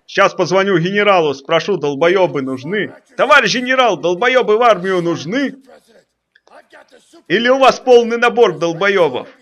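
A man's voice: high-pitched, animated, moderate pace, a bit bright. A man voicing a bullying, foul-mouthed army drill sergeant who barks commands and insults in a comic parody dub. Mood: brusque.

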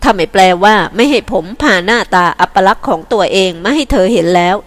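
A woman's voice: mid-range voice, animated, fast, natural voice. Woman voicing an earnest, hurt young suitor. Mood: pleading. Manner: pleading, earnest.

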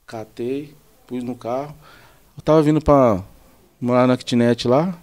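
A man with a mid-range voice, speaking a little slowly, is a truck driver guesting on a casual podcast. He's from the São and rambles through a long personal story, retelling it animatedly and quoting what people said.

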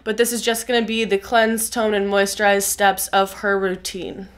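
A woman's voice: medium pitch, little pitch movement, moderate pace. A young woman with a stuffy, nasal voice from a cold, chatting through a skincare review with lots of "um" fillers. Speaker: skincare reviewer, biochemist YouTuber. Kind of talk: casual explanatory video review.

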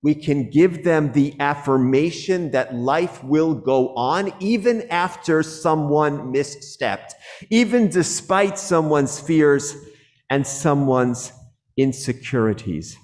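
A man, a rabbi, giving a sermon with a measured, earnest delivery and slow, emphatic phrases. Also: fairly high pitch, animated, darkish tone, in a large hall. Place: synagogue sanctuary.

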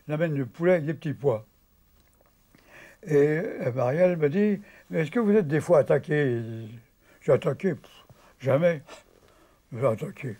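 Old army guy telling war stories, mid pitch, dry sound. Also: warm tone, dry recording. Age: older. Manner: brisk anecdotal telling with fillers. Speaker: former army officer. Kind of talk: spoken war recollection.

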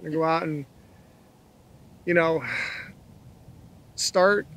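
A middle-aged man co-hosting a sailing vlog, talking in a steady, thoughtful way with pauses and fillers, seated outdoors on open dunes and filmed from a tripod camera. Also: fairly high pitch. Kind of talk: casual chat.

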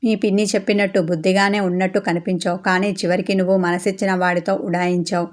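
A woman voicing a teasing, mischievous young female friend in a flat, level voice. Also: on the low side, fast talker, natural voice. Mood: aggrieved.

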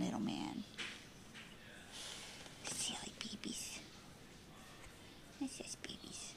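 A dog breeder with a gravelly, somewhat high voice coos baby talk to puppies at their bed indoors, drifting between sing-song calls and whispers. She's filmed on a handheld phone held close, and the recording is noisy.

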